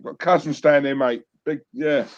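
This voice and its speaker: A man, co-hosting a casual football watchalong with laddish banter and shout-outs to viewers. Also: on the high side, fairly even intonation, normal speed, slight background noise. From East London. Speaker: co-host. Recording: dull lo-fi audio.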